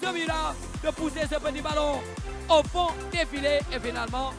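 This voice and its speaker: A man's voice: very high voice, moderate pace. A man co-commentating on football, emphatic and repeating his phrases as he analyses play. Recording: loud music and stadium crowd behind.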